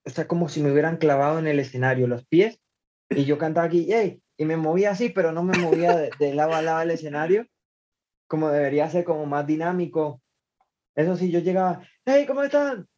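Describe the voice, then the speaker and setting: Laid-back man with a dark, dull-sounding voice. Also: on the high side, fairly even intonation, quick pace, a little hiss or hum. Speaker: guest singer. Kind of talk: casual podcast chat.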